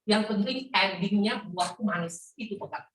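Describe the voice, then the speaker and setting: A middle-aged woman preaching an animated, playful sermon to a women's Bible class, mixing in English words. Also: medium pitch, moderate pace, slight background noise. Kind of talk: lively sermon. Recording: echoey hall, voice from a distance.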